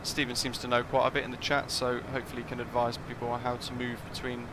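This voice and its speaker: Gravelly guy rambling on a flight sim stream, noise behind him. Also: mid-range voice, monotone, fast talker. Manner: chatty, thinking aloud with fillers. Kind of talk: casual live-stream commentary.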